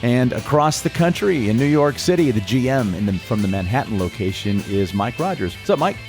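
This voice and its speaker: A man's voice: medium pitch, lively intonation, a little fast, darkish tone, faint music behind. A man hosting a casual fitness podcast, upbeat, introducing guests and laughing often. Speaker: podcast host.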